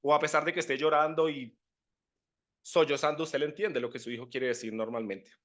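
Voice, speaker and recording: A man's voice: a little high, fairly even intonation, brisk, fairly bright tone. Man teaching the Bible. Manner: conversational, often asks "¿cierto?". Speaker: preacher.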